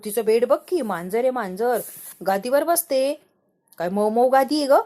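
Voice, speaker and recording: A woman's voice: on the high side, normal speed, warm tone, natural voice. A woman voicing a chatty village girl who gushes in rustic exclamations at a fancy room. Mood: amazed, gushing. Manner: rustic dialect exclamations, gushing. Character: excited village girl, wide-eyed, chatty.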